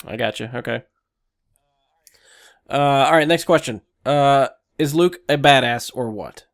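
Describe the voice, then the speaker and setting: Male co-host, mid-pitched, casual and profane. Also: measured pace. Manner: loose, profane, laughs easily. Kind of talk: casual podcast chat.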